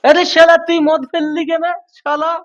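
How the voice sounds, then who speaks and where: A man's voice: extremely high pitch, normal speed, sharp tone, muffled recording. A man playing a belligerent drunk who scolds and swears at his drinking buddies in a comedy skit. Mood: irritated, bossy.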